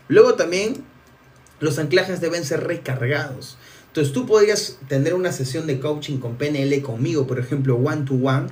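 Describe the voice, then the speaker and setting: A man's voice: on the high side, a little mellow, distant mic. A man coaching on a live stream, talking energetically and restarting words often. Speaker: NLP coach. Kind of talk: live stream teaching, answering viewer comments.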